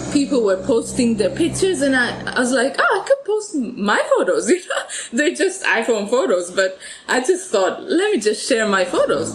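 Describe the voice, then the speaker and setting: A woman's voice: fairly high pitch, background noise. A woman from Ethiopia, a photographer guest on a podcast, talks casually and laughs often, restarting her sentences. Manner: chatty, laughs often, repeats words when starting sentences. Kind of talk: casual interview chat.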